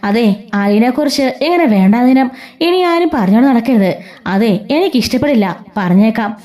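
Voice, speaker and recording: Woman doing a young guy standing up for someone, quick scolding talk, high voice. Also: animated, a little mellow, natural voice. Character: young man, protective and defiant toward his family.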